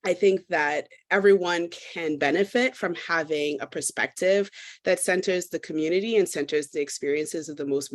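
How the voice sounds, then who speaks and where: A woman from Trinidad introducing herself on a panel as a food equity consultant, engaged, with frequent fillers. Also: sits low. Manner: warm, engaged, many fillers, light laughs.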